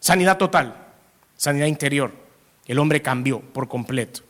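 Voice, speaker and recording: Emphatic preaching man, slightly high voice. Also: moderate pace, fairly bright tone. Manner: reads scripture aloud and asks the congregation questions; emphatic, with sudden rises in pitch and volume. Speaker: pastor. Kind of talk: sermon.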